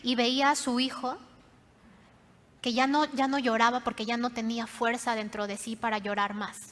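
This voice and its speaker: A woman pastor preaching a sermon, telling the story dramatically and often dropping to soft, hushed tones. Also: on the high side, little pitch movement, normal speed. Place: church hall. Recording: reverberant church hall.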